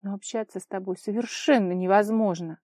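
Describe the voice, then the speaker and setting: A woman's voice: medium pitch, fairly even intonation, a little fast, dark tone, dry recording, studio quality, close to an everyday voice. A woman reading an audiobook voices a sardonic young man who speaks with irony and weary exasperation. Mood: tender. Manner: ironic, mocking then tender.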